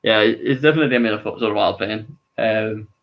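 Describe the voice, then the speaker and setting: A man's voice: fairly low pitch, fairly quick, dull audio. Man streaming live hockey reactions. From Denmark. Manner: casual, rambling, frustrated with his team.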